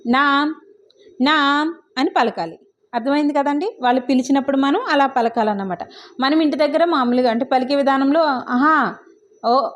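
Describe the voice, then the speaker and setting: A woman whose first language is Telugu, explaining words one by one in a casual spoken lesson, chatty and often checking in with her listeners. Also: high voice. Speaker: vlogger teaching Arabic words.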